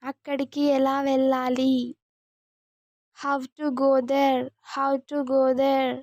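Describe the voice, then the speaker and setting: A woman, teaching English as a language lesson, saying each sentence twice in a slow, deliberate way. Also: high-pitched, completely flat delivery, a little mellow, no room sound.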